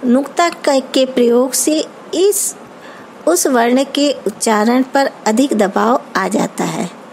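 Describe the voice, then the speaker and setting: A woman teacher with an Indian accent giving an online grammar lesson, explaining terms slowly and carefully, as if dictating. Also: high voice, vocal fry, a little mellow, a little hiss or hum, low-quality recording. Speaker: school teacher.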